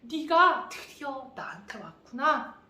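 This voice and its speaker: A woman's voice: sits high, expressive, takes it slowly, recorded from a distance, exaggerated voice. A woman playing an overjoyed loving father. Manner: exclaiming, warmly pleading. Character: loving joyful father welcoming his lost son. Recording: echoey church hall.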